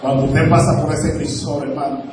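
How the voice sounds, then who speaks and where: A man preaching a sermon, telling an anecdote with lively storytelling and voicing both people in it. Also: a little high, normal speed, a crowd in the background. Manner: animated storytelling, voicing both sides of a dialogue. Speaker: evangelist preacher. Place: church service. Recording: very echoey church, distant mic. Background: congregation responding.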